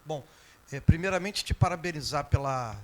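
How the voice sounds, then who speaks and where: A man's voice: a little high, lively intonation, moderate pace, slight background noise. A Brazilian man with a Brazilian Portuguese accent commenting from the audience, hesitant at first and reading from notes. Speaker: audience member asking a question.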